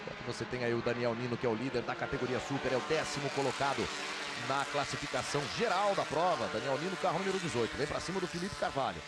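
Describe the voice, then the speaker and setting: A man with a Brazilian accent provides live motor race commentary from a racetrack booth, dramatically drawing out his calls of the action. His mid-range voice moves fast. Loud engines and outdoor track noise fill the background.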